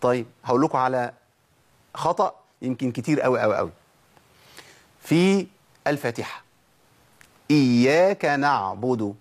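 A man with an Egyptian Arabic accent teaching Quran recitation, explaining letter sounds step by step and demonstrating them slowly. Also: medium pitch, expressive. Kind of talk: tajweed lesson.

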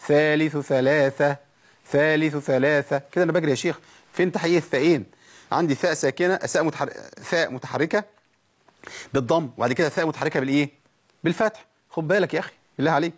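An Egyptian-accented man gives a tajweed lesson in a slightly raised voice. He talks to his listeners directly and casually, then slows right down to model each verse with careful articulation. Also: a little high, slightly rough. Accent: Egyptian Arabic. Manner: explains, then models verses slowly and precisely; urges listeners directly, conversational. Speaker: Quran recitation teacher.

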